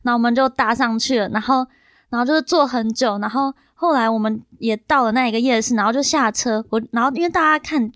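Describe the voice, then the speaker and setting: Young Taiwanese woman guest, high and quick, dry close sound, rambling anecdotes. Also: no echo. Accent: Taiwanese Mandarin. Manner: animated, rambling with many fillers. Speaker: podcast guest. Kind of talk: casual chat, storytelling.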